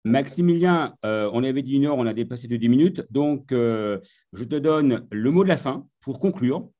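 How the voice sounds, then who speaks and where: Man moderating, mellow tone, relaxed, hesitant, lots of fillers. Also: mid-range voice, normal speed. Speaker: host of the master class. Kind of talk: moderating a talk.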